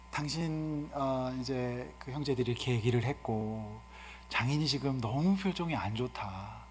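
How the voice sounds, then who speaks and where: A man voicing Jacob, a calm biblical husband who softly consults his wife in an unhurried murmur. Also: medium pitch, slight background noise, lightly acted. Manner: soft hushed murmur, unhurried. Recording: reverberant church hall.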